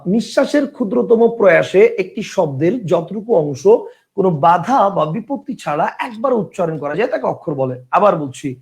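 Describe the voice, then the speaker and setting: Male tutor, gravelly and high-voiced, quizzes and answers himself. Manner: animated, repeats questions and answers them himself. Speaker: teacher. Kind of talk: online Bangla grammar lesson.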